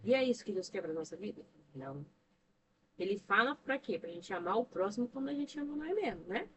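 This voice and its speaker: A woman's voice: mid-range voice, expressive, quick pace, a bit bright. A Brazilian woman, a podcast guest, talks about faith and emotional health in an emphatic, preacher-like way full of rhetorical questions. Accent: Brazilian Portuguese. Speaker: podcast guest, church member and counselor. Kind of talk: earnest religious talk on emotional health. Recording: distant mic with faint noise.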